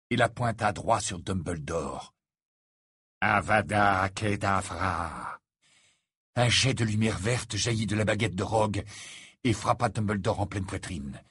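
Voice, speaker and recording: Breathy, close male audiobook narrator. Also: fairly low pitch, a bit bright, dry recording. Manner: measured, dramatic reading. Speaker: audiobook reader. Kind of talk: scripted narration.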